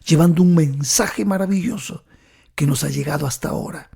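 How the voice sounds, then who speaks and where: A man preaching a sermon, telling the story dramatically and often dropping to a hushed whisper while speaking directly to the listener. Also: on the high side, normal speed, gravelly, slightly rough.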